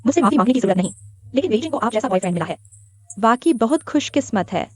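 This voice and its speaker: A woman's voice: on the high side, expressive, quick pace, no echo. A woman dubbing a stern senior colleague who leads a team, scolding and professional. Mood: composed. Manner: scolding, crisp. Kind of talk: Hindi dub of a TV drama. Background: music.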